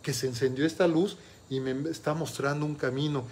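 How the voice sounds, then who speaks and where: A man's voice: on the high side, steady tone, fairly quick, a little mellow, slight background noise, close to an everyday voice. A man voicing a puzzled young boy in a told story, who hesitates, mutters to himself and repeats his own questions. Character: puzzled young boy hunting for magic words.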